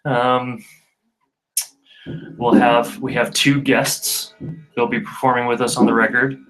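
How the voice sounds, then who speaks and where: A man's voice: mid-range voice, little pitch movement, slow pace, fairly bright tone, poor audio. A man from a band casually chatting on a studio livestream, laughing often and rambling through restarts. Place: recording studio with drums being tracked.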